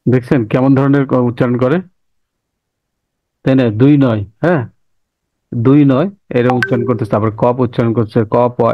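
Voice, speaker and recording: A man teaching a software class, walking through steps and repeating himself while often checking that listeners follow. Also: mid-range voice, no echo, muffled recording. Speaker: instructor. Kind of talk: screen-recorded software tutorial.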